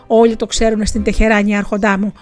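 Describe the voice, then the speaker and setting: A desperate, pleading male servant wailing to his master in a storybook tale, as a woman narrator puts him on, the voice at an everyday middle pitch with faint music in the background. he begs and laments more than he speaks. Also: flat delivery, a little mellow, lightly acted. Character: terrified old Persian male servant, pleading.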